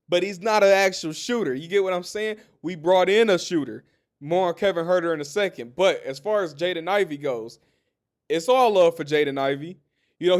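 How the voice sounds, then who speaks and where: A man with a high, bright-toned speaking voice hosts his own sports show. He talks casually and animatedly, addressing listeners directly and drifting into story time. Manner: animated, talks straight to listeners, tells stories. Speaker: sports podcast host.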